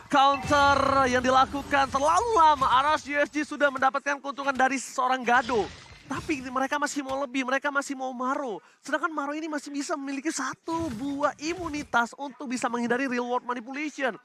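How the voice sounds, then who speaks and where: An Indonesian man commentating an esports match dramatically, in the excited manner of a fighting game announcer. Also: very high voice, brisk, gravelly, slight background noise. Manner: dramatic, stretches words and fires rhetorical questions. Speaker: esports play-by-play caster. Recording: music behind the voice.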